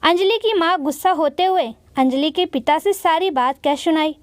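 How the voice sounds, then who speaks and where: Woman storyteller, high voice, dry close mic. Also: normal speed, no echo. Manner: steady dramatic telling. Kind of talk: scripted story narration.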